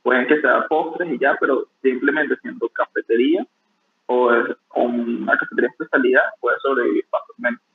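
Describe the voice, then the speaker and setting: A man's voice: mid-range voice, fairly quick, creaky, a little hiss or hum. Man on a tinny call. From Venezuela. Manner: relaxed, rambling, with many restarts. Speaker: barista guest. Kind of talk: casual interview conversation. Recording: tinny phone-like call audio.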